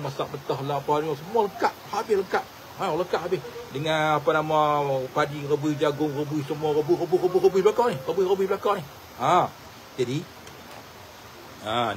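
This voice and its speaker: A middle-aged man tells an old story, circling back over the same phrases and turning often to speak straight to his listeners. His voice sits a little high, and a faint hiss runs underneath it. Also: rough recording. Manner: repetitive, animated storyteller addressing listeners as tuan-tuan. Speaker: religious teacher and traditional healer. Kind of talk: casual storytelling to viewers.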